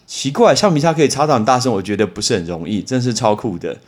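Taiwanese mandarin guy teaching words on a podcast, chatty stories, slows way down to spell stuff out. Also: mid-range voice, slightly rough. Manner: storytelling with lively exclamations. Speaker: English teacher and podcast host. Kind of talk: casual vocabulary lesson with anecdotes.

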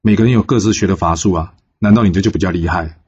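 A man's voice: sits low, very fast, a little mellow, slightly rough, lo-fi sound. A man voicing a weary male strategist who grumbles reluctantly, in a told folk story. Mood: grumbling. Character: weary male strategist, hesitant and put-upon.

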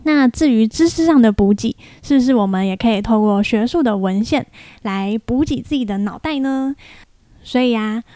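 A woman's voice: on the high side, mellow, no echo. A young woman hosts a podcast, telling a story in a casual, chatty way and mimicking other people's voices in quoted lines. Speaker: podcast host.

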